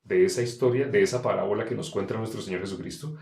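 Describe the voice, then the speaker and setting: A man preaching a sermon, emphatic, asking questions and answering them himself, swinging between loud and soft. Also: lowish voice, quick pace, reverberant.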